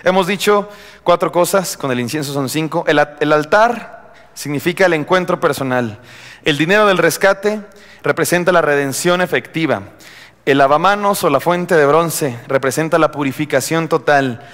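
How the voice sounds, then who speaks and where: Male preacher, animated sermon delivery with mock prayer voices, reverberant church hall. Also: fairly high pitch, moderate pace. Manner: animated, acts out quoted prayers in mocking tones.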